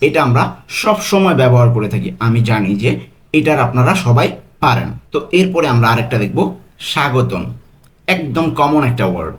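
A man teaching a quiz-style language lesson, repeating each phrase and saying the foreign words very slowly and carefully. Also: medium pitch, sing-song.

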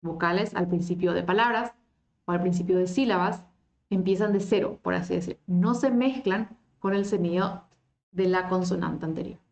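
A woman teaching German in an online lesson. She reads German lines slowly and clearly, then explains them in Spanish. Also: fairly low pitch, darkish tone, reverberant.

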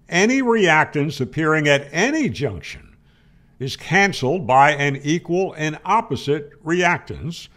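Speaking to camera from a small room at home, a ham radio video host in his 60s or 70s gives an emphatic technical explanation, posing questions and answering them with conviction. His voice is a little high and fairly bright, picked up by a close studio mic on a boom arm.

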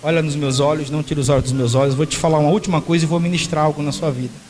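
A man pastor ministering at a church altar, giving quick commanding orders to helpers and to a woman in front of him. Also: on the high side, steady tone, rough recording. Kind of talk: prophetic ministry at a church service. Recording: live church recording with loud music behind. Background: music playing.

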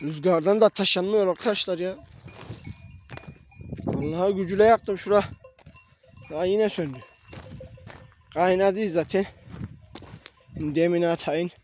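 Young shepherd with a hoarse voice. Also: male voice, high-pitched, a little slow, long pauses, darkish tone, a little hiss or hum. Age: young adult. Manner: talks to viewers as friends, calls to his animals. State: hoarse from a cold. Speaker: shepherd vlogger. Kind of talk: casual vlog narration outdoors. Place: mountain pasture outdoors, wind.

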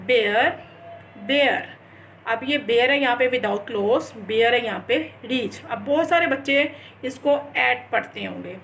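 A woman English teacher giving a recorded class lecture. She reads English sentences slowly and deliberately, then explains them at length in a patient tone with small hesitations. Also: fairly high pitch, a bit bright, a little hiss or hum.

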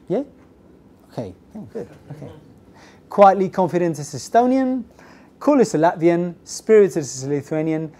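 Man teaching a class, dark mellow tone, lively, keeps saying okay and yes. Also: sits high. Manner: lively, asks the audience "okay? yes?" often. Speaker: lecturer. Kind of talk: business English class lecture. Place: classroom with projector screen. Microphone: lapel mic.

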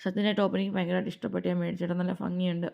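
A woman's voice: fairly low pitch, little pitch movement, racing, gravelly, darkish tone. A young woman narrating a family vlog as a casual voice-over, rambling and chatty. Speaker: family vlogger. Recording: slightly dull lo-fi recording.

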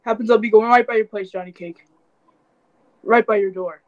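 A woman's voice: mid-range voice, steady tone, normal speed, narrow, tinny audio, close to an everyday voice. A woman playing an easygoing, joking teenage greaser boy in a school play, with a breezy, teasing delivery. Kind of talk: school play read remotely.

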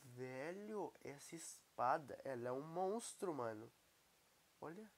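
Excitable young Brazilian gamer with a cold. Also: male voice, fairly high pitch, takes it slowly. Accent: Brazilian Portuguese. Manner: excitable, exclaiming at the screen. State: has a cold. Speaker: gaming YouTuber. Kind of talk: casual gameplay commentary.

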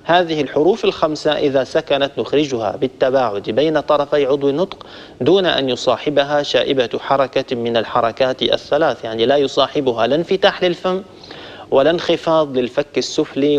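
A man teaching Quran recitation, patiently explaining each point step by step and slowly demonstrating the sounds to a group of listeners. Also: medium pitch. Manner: addresses listeners warmly as a group. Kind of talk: instructional lesson on pronunciation. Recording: long reverb, dull lo-fi sound.

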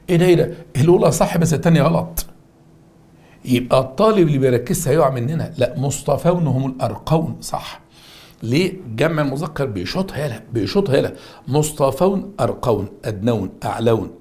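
A man's voice: medium pitch, dark tone. A middle-aged man with an Egyptian Arabic accent, teaching an exam-prep grammar lesson in an emphatic, repetitive drilling manner. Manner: emphatic, repeats words and drills students.

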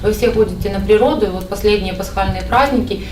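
A woman representing a party, answering press questions in a steady, explanatory way with some hesitations. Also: mid-range voice, quick pace. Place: indoor press conference room. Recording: echoey room from far off, faint noise.

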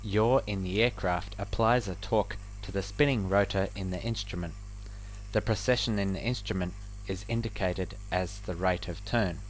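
A man narrating a scripted flight-training lesson in a measured, explanatory way. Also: sits low, a little hiss or hum. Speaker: flight instructor.

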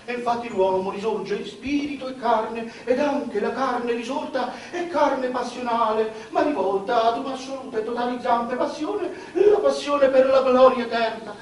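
Very high-voiced sermonizing archpriest. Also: male voice. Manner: sermonizing, building in fervour. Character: solemn, rapturous male archpriest. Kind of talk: absurdist comic stage theatre. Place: theatre stage with audience. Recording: very echoey theatre, far, faint noise.

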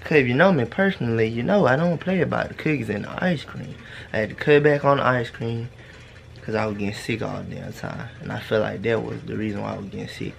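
A man's voice: mid-range voice, quick pace, gravelly, slight background noise. A young man vlogging casually to a handheld camera, joking and swearing in and out of doors. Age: young adult. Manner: joking, profane, talks to camera and to his dog. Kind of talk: casual vlog chat. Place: backyard and a small shed room, in and out of doors. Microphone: handheld camera at arm's length.

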